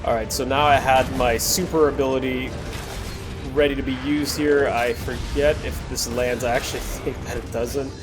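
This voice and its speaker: Over background music, a male gaming video host speaks in a mid-range voice with fairly even intonation at normal speed. He comments casually on the recorded gameplay, apologizing, digressing, and often backtracking.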